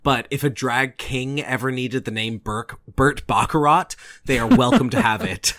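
A man co-hosting a casual film review podcast, wry and quick to react, often laughing. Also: mid-range voice, animated, fairly bright tone. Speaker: podcast co-host.

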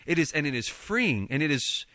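Bright-voiced man in casual chat. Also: a little high, big pitch swings, brisk, no echo. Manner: rambling, frequent restarts, swears freely. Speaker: podcast co-host.

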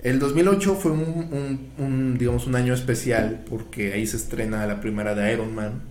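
A male podcast guest shares film anecdotes in a casual, animated retelling, dramatizing the quoted dialogue as he goes. Mid-range voice, moderate pace. Recorded in an echoey room with faint ambient noise.

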